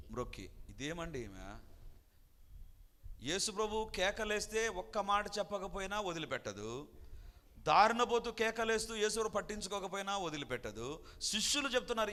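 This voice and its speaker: A man's voice: high-pitched, bright, forceful tone. A man preaching a sermon with emphasis, acting out the voices of people in a Bible story. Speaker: pastor. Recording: long hall reverb.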